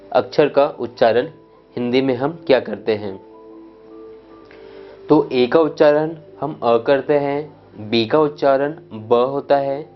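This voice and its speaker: Slow, deliberate male teacher, lo-fi sound. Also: mid-range voice. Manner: deliberate, repeats letters and sounds one by one. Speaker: spoken English teacher. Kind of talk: slow explanatory lesson. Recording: dull lo-fi sound with faint music.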